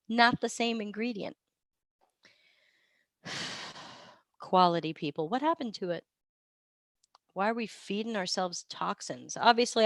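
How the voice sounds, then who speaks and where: This is a casual live Q&A stream from a woman with a cold, set in a hotel or temporary room on the road. Her pitch is medium and there's no room sound. She chats and rambles, frequently pausing to correct herself.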